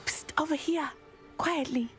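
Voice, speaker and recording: A woman voicing a determined teenage witch in a video game, speaking in a hushed, secretive psst-style manner. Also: high voice, a little slow. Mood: hushed, urgent. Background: game music.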